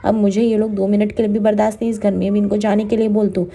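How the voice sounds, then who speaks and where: A woman retelling a serial who voices a proud, loud, scolding middle-aged matriarch at a quick, dark-toned pace. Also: medium pitch, level tone, lightly acted.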